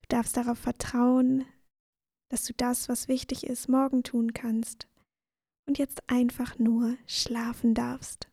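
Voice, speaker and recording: Breathy, soft-spoken woman narrating a sleep story. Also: a little high, completely flat delivery, slow pace, no echo, clean studio sound. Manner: soothing, gentle, breathy, often near-whispered. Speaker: sleep meditation podcast host and narrator. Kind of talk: sleep story narration, guided bedtime meditation.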